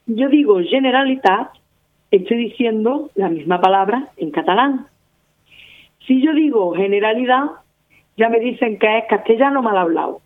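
On casual radio, a woman with an Andalusian accent, a guest who runs a language-teaching project, argues her point through repeated examples. Her voice is a little high and animated at a normal speed, and the sound is narrow and phone-like.

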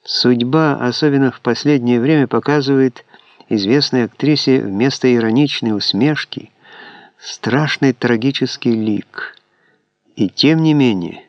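A man's voice: mid-range voice, no echo. Man reading an audiobook, dull dry sound. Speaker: audiobook narrator. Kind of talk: scripted narration.

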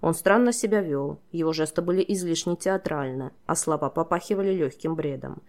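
A woman reading a fantasy audiobook in a steady, expressive narration. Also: sits low, brisk.

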